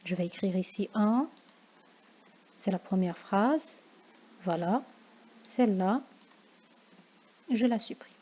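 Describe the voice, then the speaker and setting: A woman's voice: mid-range voice, takes it slowly, long pauses, dark tone, breathy edge. A woman teacher with a Moroccan accent explaining a lesson, often checking with "d'accord?". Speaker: French teacher. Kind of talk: classroom lesson on figures of speech. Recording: dull lo-fi sound.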